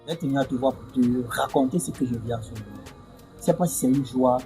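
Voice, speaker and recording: A man's voice: mid-range voice, quick pace, warm tone, lightly acted, rough recording. An actor playing a boastful young man who brags about a rich new girlfriend. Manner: bragging. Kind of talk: film drama acting. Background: music.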